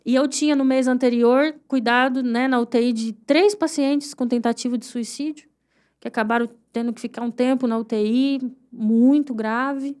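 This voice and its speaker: A young Brazilian woman giving an emotional personal testimony as a podcast guest, telling her story in an earnest, halting way with pauses and repetitions. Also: sits high, steady tone, darkish tone, clear, resonant tone. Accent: Brazilian Portuguese. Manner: vivid, heartfelt retelling of painful memories.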